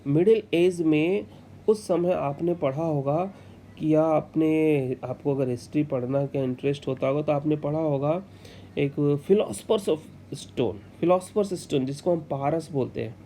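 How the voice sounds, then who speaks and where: A male teacher lectures at a slow, deliberate pace and stretches out the definitions. His voice is warm and mellow, with a faint hiss of noise behind it. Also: fairly high pitch. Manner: mixes Hindi and English, slows down for English definitions; encouraging, addresses students as children. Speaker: chemistry teacher. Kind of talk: classroom lecture.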